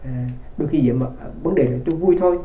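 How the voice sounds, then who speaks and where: A Buddhist monk gives a relaxed, storytelling dharma talk in a fairly high, mellow man's voice. He wanders through his anecdotes and often restarts phrases. The sound has the roomy ring of a hall. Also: racing. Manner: rambling storytelling with frequent restarts.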